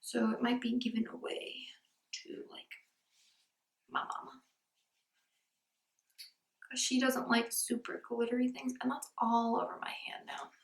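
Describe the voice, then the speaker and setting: A woman chatting casually as a beauty vlogger unboxing products. She often drops to a soft near-whisper, and her voice echoes because she is recording in a room without a proper mic. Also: on the high side, flat delivery, measured pace, gravelly, pauses often.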